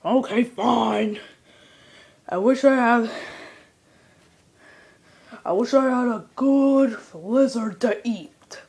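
Woman doing a slow, dopey, hungry dinosaur. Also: a little high, creaky, darkish tone, breathy edge, heavily acted.

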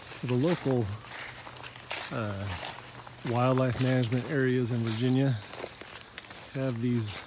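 Strolling outdoors in summer woods, a father in his thirties vlogs casually into a handheld phone at arm's length, joking around with his son. He speaks in a mid-range voice at a slow pace with long pauses. Insect noise, including crickets, fills the background.

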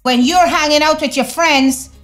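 A middle-aged woman vlogs at her desk, her voice pitched high and lively. She talks in a conversational, sermon-like way, tossing in slang. A faint bed of music plays behind her. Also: normal speed. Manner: animated, conversational, preachy asides with slang. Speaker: vlogger. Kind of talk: casual opinion vlog. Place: home room, indoors. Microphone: fixed camera at desk.

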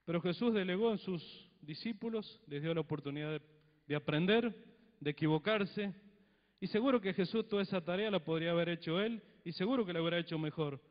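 Brisk and high-pitched, a middle-aged Cuyo Argentine preacher from Mendoza gives a chatty sermon on a handheld mic in a church hall. He often uses tag questions and acts out little dialogues. The recording is dull and lo-fi, with long hall reverb.

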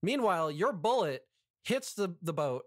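A game master calmly narrating a tabletop game and calling for rolls. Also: mid-range voice, moderate pace, dry recording, clean studio sound.

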